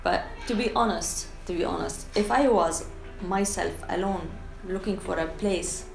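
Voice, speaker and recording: On the low side and at a measured pace, the woman's creaky, fry-tinged voice belongs to a Syrian freelance translator with an Arabic accent. In a casual documentary interview she speaks candidly, often stalling to find words in her second language, in a reverberant space with faint music behind.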